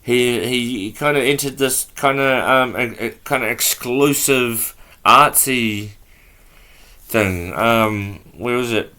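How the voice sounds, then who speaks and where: A man's voice: mid-range voice, slow pace, pushed and bright. A man hosting a podcast in a casual, offhand way, reading aloud from notes and stumbling over words as he goes. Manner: offhand and loose. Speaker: podcast host.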